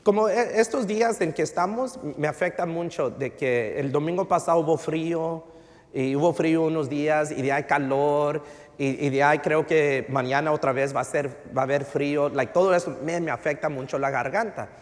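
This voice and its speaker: A male pastor, telling a story in a relaxed sermon and slipping into English phrases. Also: fairly high pitch, normal speed. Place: church sanctuary. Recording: reverberant church hall.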